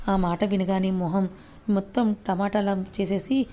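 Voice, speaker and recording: A woman narrating an audio story in a steady reading voice. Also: medium pitch, unhurried.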